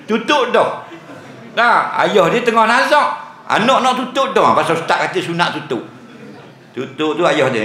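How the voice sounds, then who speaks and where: A man's voice: fairly high pitch, sharp tone. A man with a Terengganu Malay accent gives an evening religious lecture as a teacher, joking and teasing his audience and laughing often. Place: village prayer hall. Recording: echoey hall with faint ambience.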